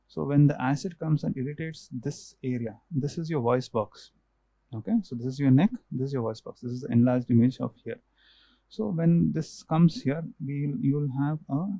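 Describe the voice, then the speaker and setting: A man's voice: medium pitch, mellow, dry recording, highs cut off. A man, an ENT doctor, patiently explaining causes and tests to a patient, often restarting and repeating himself.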